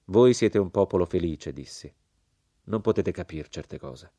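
A man reading a literary novel aloud in a calm, measured way. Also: low voice, dry recording. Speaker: audiobook reader.

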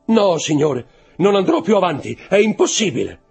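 A terrified male steward with a guilty secret, as a male reader puts him on, pleading in a strained, raised voice that climbs high above the narrator's. The tone stays gravelly and very husky, with soft music underneath. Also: moderate pace. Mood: panicked. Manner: pleading, shouting in panic.

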